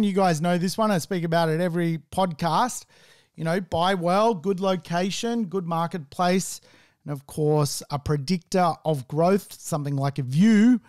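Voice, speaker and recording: A man's voice: a little high, a little mellow, no echo, clean studio sound. A man hosting a solo podcast, talking in a chatty, informal way with joking asides. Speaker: property investing podcast host.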